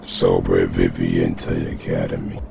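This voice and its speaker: A man voicing a creepy, menacing bus driver in a very deep, slow, muffled voice. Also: completely flat delivery, vocal fry, music in the background, full character voice.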